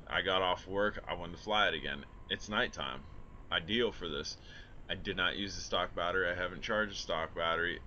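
Low-voiced man rambling through a review. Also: lo-fi sound, slight background noise. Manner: relaxed, rambling, many ums and uhs. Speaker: drone reviewer. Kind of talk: casual review narration. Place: outdoors at night.

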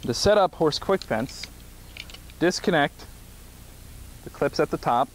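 A product demonstrator in his thirties walks through a plain step-by-step demo outdoors on grassy ground, talking in short phrases while working. His voice is on the high side and expressive, at a measured pace, with a bit of hiss or hum.

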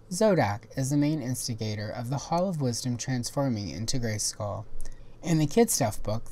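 Her very deep voice has a dark tone as she hosts a toy history video, reading documentary narration in a measured and informative fashion.

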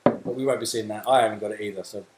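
A man's voice: lowish voice, fairly even intonation, rapid-fire, roomy sound, background noise. A man with a South London accent hosting a casual live Q&A, chatting and reading out viewer comments. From England. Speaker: host.

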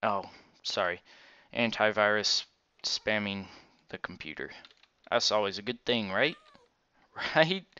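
A man giving casual, halting, rambling gaming commentary while wearing a retainer that slightly affects his speech, recorded on a dull microphone. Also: on the low side, steady tone, bright, forceful tone, clear, resonant tone, no echo. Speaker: gaming video host. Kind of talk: casual Let's Play game commentary.

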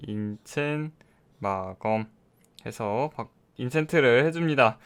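A man's voice: mid-range voice, takes it slowly, smooth. A young man giving casual, joking commentary while he plays and reviews a game mod, often talking to the characters on screen. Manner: chatty, jokes and talks to game characters, laughs often.

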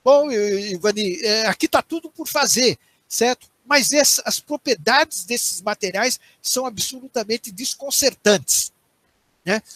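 An older professor with a Brazilian Portuguese accent speaks over a headset on a video call from a small home study. His voice sits high for a man and has a husky edge. He explains in a steady teaching manner and keeps checking that his listeners follow. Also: a little slow, no echo. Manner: explanatory, tags phrases with "certo?" and "né?", frequent restarts. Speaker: university professor giving a guest lecture. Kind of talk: online lecture answering audience questions.

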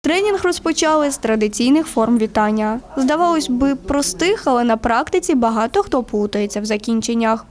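A woman's voice: a little high, expressive, brisk, hardly any pauses, noisy background. Woman reading a local news report. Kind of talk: scripted news narration.

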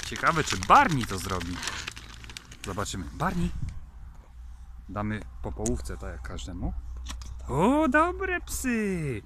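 A man's voice: on the low side, big pitch swings, measured pace, pauses often, background noise. A man on a farm coaxing his dogs, calling them by name and giving them commands while he feeds them. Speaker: dog owner feeding his dogs. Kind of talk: casual talk while feeding dogs. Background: dogs and clicks.

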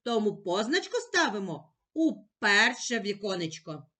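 This woman's voice sits in the mid-range, with big swings in pitch and a sharp tone. She has a Ukrainian accent and teaches young kids to read, speaking slowly and clearly, drawing out sounds, and patiently answering her own questions.

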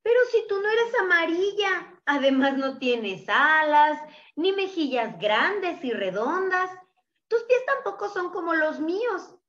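A woman's voice: very high voice, very animated, unhurried, a bit bright, muffled recording, voice pushed up, full character voice. A woman voicing a tiny, lonely boy chick searching for a mother, with an eager, pleading manner. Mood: hopeful.

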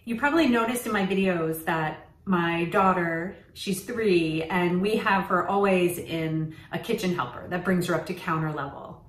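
Hosting a home vlog from her kitchen, a woman in her thirties chats casually to camera at normal speed, hardly pausing and leaning on "you know" a lot. Her voice is lowish, and the audio is poor, recorded on a phone or webcam held at arm's length.

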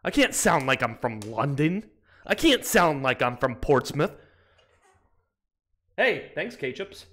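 Speaking slowly with long pauses, a young man with a fairly high voice streams live from a small room, chatting casually, cursing, and bursting out loudly in excitement.

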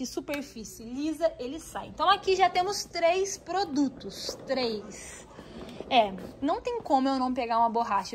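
High-voiced Brazilian woman vlogging while shopping. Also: a little hiss or hum. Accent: Brazilian Portuguese. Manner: animated, talks to viewers while browsing. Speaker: stationery store vlogger. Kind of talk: chatty shopping vlog. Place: inside a stationery store.

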